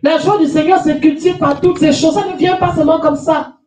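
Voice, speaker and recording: Warm and high, this French pastor's voice moves fairly quickly with fairly even intonation over soft background music. She's middle-aged, has a cold, and delivers an emphatic sermon into a handheld mic, repeating phrases and asking for amens. The small church hall with its stage and lectern echoes, and a far camera picks her up from a distance.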